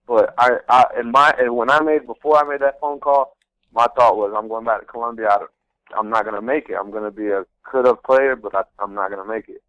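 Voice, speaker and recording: A man's voice: medium pitch, fairly even intonation, fairly quick, fairly bright tone, no room sound, low-quality recording. A young man, a guest on a radio talk show, telling his story in an earnest, rambling way, often restarting his sentences. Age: young adult. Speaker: guest, pro soccer rookie. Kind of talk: casual interview storytelling.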